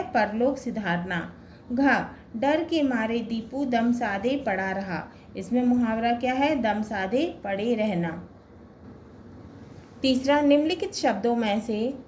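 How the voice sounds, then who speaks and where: A woman's voice: on the high side, darkish tone, a little hiss or hum. A woman teacher working through a textbook exercise. She reads out each question and its answer, and reads word lists aloud one word at a time. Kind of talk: slow, deliberate textbook lesson.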